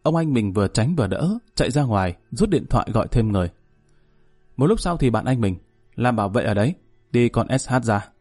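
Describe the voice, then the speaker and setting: A man's voice: medium pitch, sing-song, fairly quick, darkish tone, no echo. A man narrating a first-person story in a colloquial, wry way. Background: faint music.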